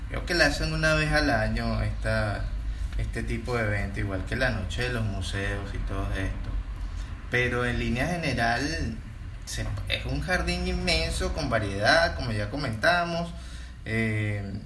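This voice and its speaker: A man's voice: medium pitch, measured pace, pushed and bright. A man talking casually as the co-host of a travel podcast. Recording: echoey room, faint background noise.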